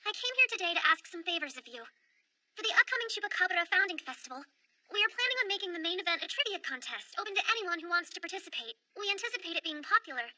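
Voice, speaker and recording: Very high, bright, earnest young anime heroine. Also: female voice, big pitch swings, quick pace, dry recording, exaggerated voice. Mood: earnest, polite. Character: earnest, eager young woman leading small-town tourism revival. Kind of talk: overacted anime English dub.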